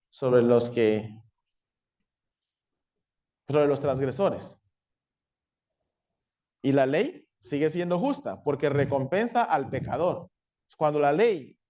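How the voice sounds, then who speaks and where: High-voiced preacher checking in with "¿sí?". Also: male voice, lo-fi sound. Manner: asks the congregation frequent "¿sí?" and "¿verdad?"; acts out the law shouting accusations. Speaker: pastor. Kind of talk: sermon.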